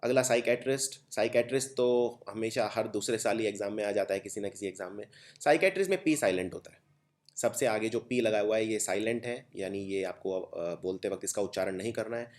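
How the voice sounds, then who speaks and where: Casting: young Indian-accented male tutor, lowish voice, patient letter-by-letter spelling lesson. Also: brisk. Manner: explains step by step, spells words out letter by letter. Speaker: teacher. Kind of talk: exam-prep vocabulary lesson.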